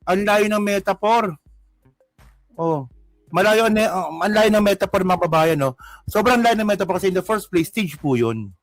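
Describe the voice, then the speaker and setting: A man's voice: sits high, animated, moderate pace, dry recording, faint music behind. A man with a Filipino accent giving casual political commentary, mocking and rambling as he reacts to clips. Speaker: commentary vlogger.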